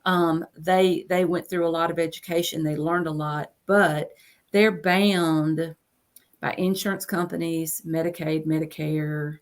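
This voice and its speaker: A woman in her fifties, a coach, tells casual stories about her time as an interview guest, repeating certain phrases for emphasis. Her low voice stays steady in tone and moves a little slowly.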